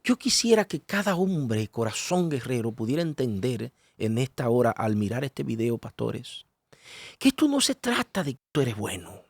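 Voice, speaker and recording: Emphatic preaching man, very lively pitch. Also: normal speed, gravelly, husky, dry recording.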